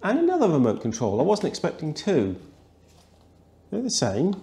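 Polite chatty man, slightly high voice. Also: wildly swooping pitch, moderate pace, mellow. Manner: polite, chatty, thinks aloud while working. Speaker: video channel host. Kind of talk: casual hands-on vlog chat. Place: indoor home rooms.

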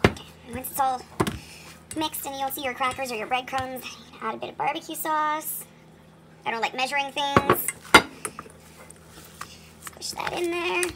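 A woman's voice: high-pitched, steady tone, unhurried, pauses often, very noisy. Woman in her 30s cooking at home, chatty and all over the place, pans and dishes clanking behind her. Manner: chatty, rambling, self-correcting as she goes. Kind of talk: casual unscripted cooking demo. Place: home kitchen, indoors. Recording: clear kitchen clatter of dishes and pans.

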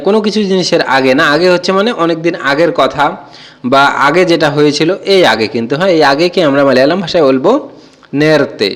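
A man from Bangladesh with a Bangladeshi Bengali accent, teaching vocabulary word by word in a patient, repetitive way. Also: fairly high pitch. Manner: repetitive, patient, repeats each word slowly. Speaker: language teacher.

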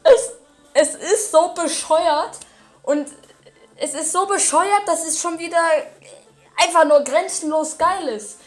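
A woman's voice: very high-pitched, slow, faint music behind. A woman hosting a casual reaction video, rambling, giggly and apologetic.

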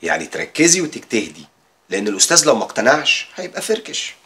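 A blunt assistant lecturing. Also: male voice, medium pitch, big pitch swings, very fast, pushed and bright. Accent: Egyptian Arabic. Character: stern male assistant lecturing a newcomer.

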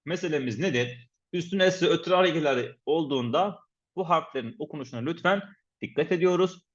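A Quran recitation teacher gives a pronunciation lesson, patiently repeating syllables to demonstrate and formally addressing viewers as respected teachers. His voice is on the high side and fast, on a dull lo-fi recording.

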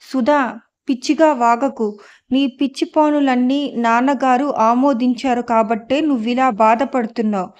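A woman reading a story, voicing a calm, firm young woman who pleads steadily. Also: a little high, a little slow, natural voice. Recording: dull lo-fi audio.

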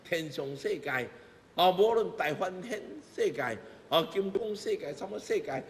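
This Buddhist master, a middle-aged man with a Taiwanese accent, gives an emphatic sermon at normal speed in a high, animated voice. He repeats phrases and poses rhetorical questions to a congregation seated in the temple hall. The recording is echoey, with a music bed underneath.

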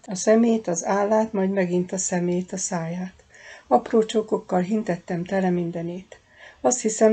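A woman reading a first-person novel aloud as an audiobook, soft, intimate and measured. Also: medium pitch, slightly rough. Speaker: audiobook reader.

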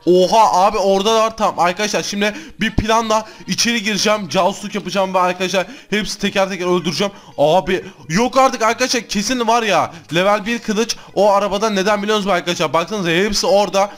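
A man hosting a gaming channel, giving excited gameplay commentary in a slangy way, constantly talking to his viewers. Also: high voice, fast talker, hardly any pauses.

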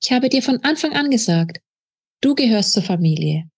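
A woman reading the lines of a calm, fatherly male official who speaks kindly and gently admonishes, in a husky voice. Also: on the high side, normal speed, pitched above the performer's own voice.

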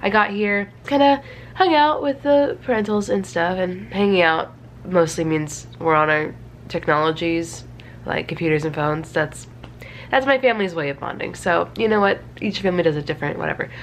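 A vlogger in her twenties, stuffed up from a cold, chats casually to camera from a small bedroom, rambling and poking fun at herself. Her voice is fairly low and her pace normal, with faint room noise in the background.

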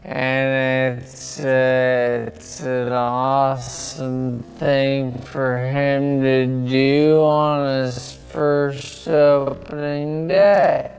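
Slowed-down gravelly man hosting post-game. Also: medium pitch, little pitch movement, darkish tone. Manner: steers the show, hands questions to the analysts. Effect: slowed-down playback. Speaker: studio host. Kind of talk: post-game sports analysis. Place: TV studio desk.

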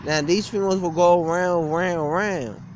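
Outdoors next to a brick building on a street, a young adult gym vlogger rants informally to a phone or webcam at arm's length, blunt, repetitive and aggrieved. His voice is high-pitched with fairly even intonation and a slightly fast pace. The recording is muffled with a little hiss or hum.

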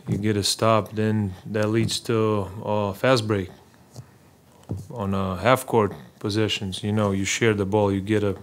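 A man with a low, flat voice answers questions at a postgame press conference, where he is a basketball player. He speaks haltingly, repeating words and using lots of fillers, into a table mic set in front of him in a small press room.

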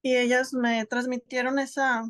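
A Mexican homeschooling mother in her thirties sits on her couch at home during a video call, talking in a casual interview. She's thoughtful and hesitant, often restarting her words, in a high, level voice that runs a little slow, with clean studio sound and no room noise.

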